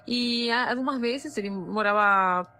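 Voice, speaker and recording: A woman's voice: a little high, unhurried, sharp tone, faint music behind. A woman in her thirties from Argentina with an Argentine Spanish accent, a Spanish speaker telling a personal story in a voice message with many hesitations. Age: 30s. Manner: hesitant, many fillers and restarts.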